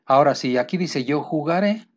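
Male teacher, slightly high voice, patient drill-style explanations, slightly muffled recording. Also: animated, moderate pace. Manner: repeats and drills examples, asks rhetorical questions. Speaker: English teacher. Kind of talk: classroom grammar lesson.

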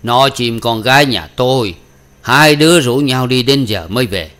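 A man's voice: medium pitch, moderate pace, pitched above the performer's own voice, lightly acted. A man voicing a furious old bald father. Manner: shouting, gruff threats.

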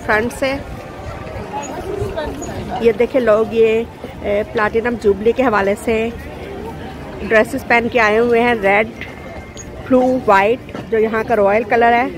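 Walking through a crowded, music-filled city square, a woman films on her phone and narrates like a tour guide in a slightly high, steady voice. She's unhurried and pauses often, occasionally calling out to her child.

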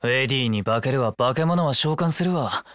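An actor playing a gruff, sardonic adventurer in a video game, blunt and grumbling. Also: male voice, medium pitch, animated, normal speed, fairly bright tone, no echo, clean studio sound, natural voice. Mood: exasperated. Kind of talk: video game character acting.

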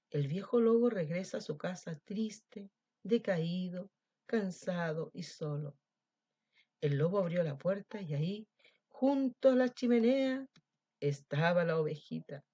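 A woman teacher reads a children's storybook aloud with gentle, expressive pacing. Her voice is mellow and somewhat husky. The recording sounds dull and lo-fi. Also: on the low side, takes it slowly.

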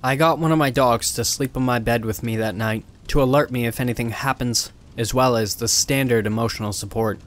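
A man reading a first-person horror story in a steady, measured way. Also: mid-range voice.

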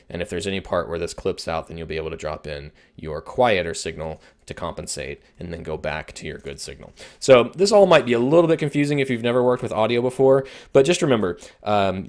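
A man with a somewhat low voice walks through recording tips as an instructor. He talks casually, with fillers and restarts as he explains. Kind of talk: video production lesson.

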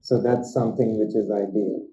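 A dentist in a face mask gives a casual product review, explaining each step as he demonstrates. His voice is on the low side, steady and warm, at a normal speed, and the recording has a roomy, dull lo-fi quality.

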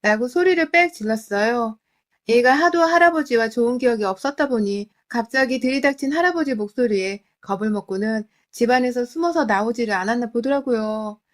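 A woman's voice: a little high, fairly quick. Woman narrating a dramatic true-life story. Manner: emotional, confiding first-person telling.

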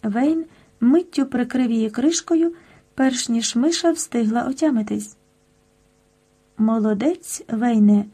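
A woman narrating a children's audiobook with a lively, expressive storytelling manner. Her voice is mellow and a little husky, set slightly higher than most. She keeps an even, engaging read aloud. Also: unhurried.

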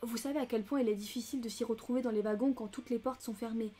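A woman's voice: on the high side, steady tone, quick pace, dark tone, lightly acted. A woman reading an audiobook, voicing a talkative, fussy and easily upset older American lady who chats and protests with indignation. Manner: chatty and indignant.

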